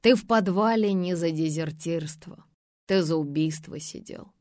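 A stern young man presses a suspect with blunt, firm questions, as a woman reader puts him on. Low and dry, read close for an audiobook. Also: unhurried, darkish tone, no room sound, close to an everyday voice.

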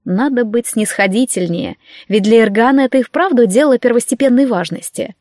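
A woman narrating a fantasy audiobook with even storytelling. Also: a little high, fairly quick, dry recording, clean studio sound.

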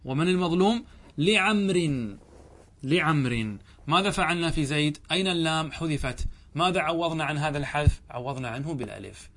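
A man, a sheikh, giving a classroom lecture on a grammar text. He reads a passage, explains it, asks questions and answers them himself, and repeats examples slowly. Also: fairly high pitch, lively intonation, fairly bright tone. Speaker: sheikh teaching Arabic grammar.

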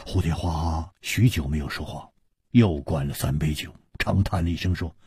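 A man narrating a long-form story broadcast with dramatic, drawn-out phrasing. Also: extremely low pitch, a little mellow, husky, no room sound, clean studio sound.

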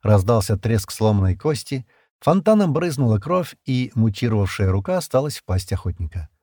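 A man reads a science fiction story aloud in a low voice with lively, dramatic rises and falls. His delivery is expressive and clear. The recording is close and dry, with no echo. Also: fairly quick. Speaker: audiobook narrator. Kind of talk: scripted narration.

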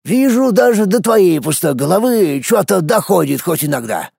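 Man doing a cranky old grandfather mage, high gravelly voice, husky, mocking scolding drawl, audiobook character. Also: sing-song, normal speed, darkish tone, dry recording, clean studio sound, heavily acted. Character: grumpy sharp-tongued old grandfather mage.

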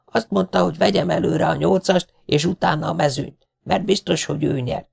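A man voicing an excitable male poet who shares a betting tip in a hushed, eager way. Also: a little high, vocal fry, husky, pitched above the performer's own voice, exaggerated voice. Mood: secretive.

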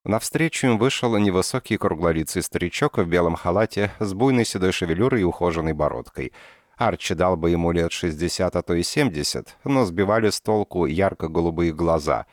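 A man's voice: low-pitched, expressive, fairly quick, no echo, studio quality. A man narrating an audiobook in a scripted reading style.

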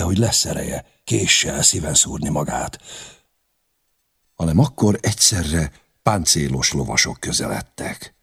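A man's voice: very deep voice, slightly rough. A man narrating a historical novel as an audiobook, in a dramatic storytelling manner.

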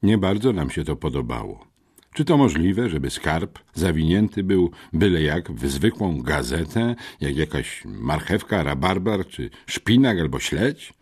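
A man narrating an audiobook in an expressive storytelling style. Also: rumbling low, measured pace, husky.

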